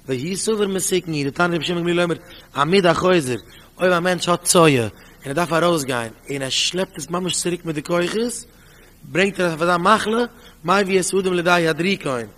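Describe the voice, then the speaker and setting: A man, a rabbi, teaching a Talmud lesson in an animated way, reading out the source text, explaining it, and asking rhetorical questions. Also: sits high, fairly quick. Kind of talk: Talmud study lecture. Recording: long hall reverb.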